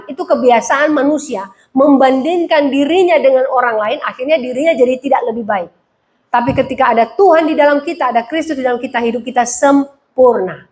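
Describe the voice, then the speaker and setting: High-voiced woman pastor preaching. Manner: humorous storytelling, emphatic call-and-response phrasing. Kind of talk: sermon.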